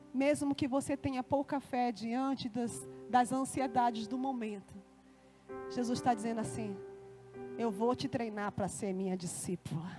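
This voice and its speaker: A Brazilian woman preaching a sermon in church, telling a personal story with feeling and acting out the voices in it. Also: a little high. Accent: Brazilian Portuguese.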